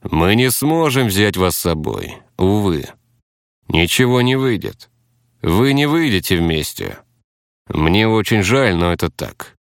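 A man's voice: low voice, big pitch swings, measured pace, dry recording, clean studio sound, exaggerated voice. A man voicing a polite, regretful male leader with a courteous manner in an audiobook.

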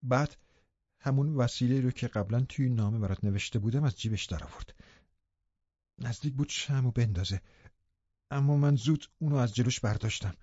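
A man narrating an audiobook in a sombre, measured way. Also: mid-range voice, dark tone, husky, no room sound. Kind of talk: scripted narration. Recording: muffled lo-fi recording.

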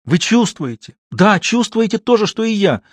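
A man's voice: high-pitched, sing-song, normal speed, no room sound, pitched above the performer's own voice. A man voicing an eager, impulsive young man. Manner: eager, exclamatory. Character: ardent, impulsive young man, devoted friend.

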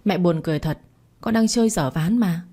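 A woman's voice: lowish voice, brisk, dark tone, husky. A woman voicing a cheeky young woman gamer who protests defensively to her mother, in a storybook reading. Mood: protesting.

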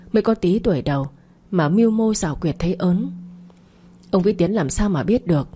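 A woman's voice: on the low side, dark tone, husky. A woman narrating an audiobook story with gossipy, scolding asides.

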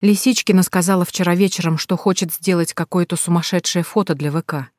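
A worried young woman friend, as a woman puts her on, speaking sadly and sighing, her voice on the low side. It sounds dry and close. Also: fairly even intonation, fairly quick, a little mellow, no room sound, lightly acted. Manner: sad, sighing.

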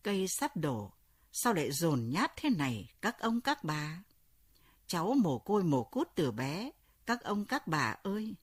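A woman's voice: on the low side, very animated, unhurried, breathy edge, no echo, full character voice. A woman voicing an old father in a ghost story, begging the villagers to spare his orphaned daughter. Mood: pleading. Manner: pleading, sorrowful.

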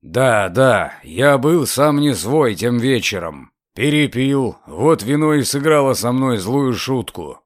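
Fearful, secretive old man, voiced by a male reader; slow, quavering, pleading delivery. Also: medium pitch, lively intonation, no room sound, clean studio sound. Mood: anxious. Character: frightened old secretive gentleman.

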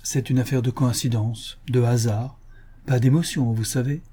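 A man voicing an old male family doctor in a read-aloud novel, who speaks frankly and jokes gently. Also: medium pitch, steady tone, normal speed, slightly rough, natural voice. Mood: frank, reassuring.

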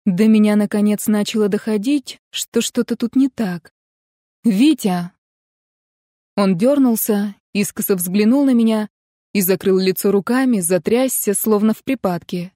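A woman's voice: mid-range voice, moderate pace, mellow, dry recording, clean studio sound. A woman reading first-person narration from a novel, with emphatic delivery of the dialogue. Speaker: audiobook reader.

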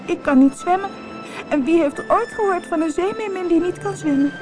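A sobbing little mermaid girl, as a woman reading a storybook puts her on, her voice pitched up high and wavering, quivering with tears. Soft music plays under the reading, and the delivery swings widely in pitch. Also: lively intonation, moderate pace. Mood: tearful. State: crying. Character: little young mermaid girl, tearful and timid. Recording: storybook audio with background music.

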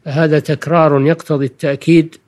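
An older man, a religious scholar, giving a Quranic lesson in formal Standard Arabic, deliberate and didactic, repeating key phrases. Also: a little high, flat delivery, a little mellow. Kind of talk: Quranic exegesis lecture for listeners.

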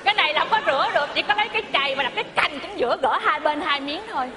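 A woman playing a sharp-tongued aunt. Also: high-pitched, expressive, very fast, a crowd in the background. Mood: mocking. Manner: mocking, scolding. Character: sharp-tongued middle-aged matchmaker aunt. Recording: live audience, hall noise.

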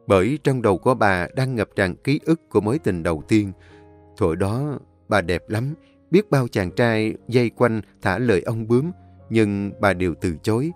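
Male narrator, low, measured and solemn. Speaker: storyteller. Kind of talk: scripted story narration.

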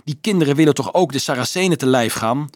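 A man voicing a stubborn, thoughtful teenage boy who talks low and firmly. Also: lively intonation, quick pace, no room sound, studio quality, lightly acted.

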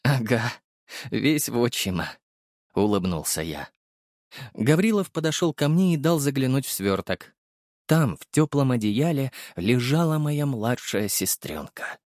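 A man narrating a first-person audiobook in a lively, wry and expressive manner. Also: medium pitch, measured pace, no room sound, studio quality.

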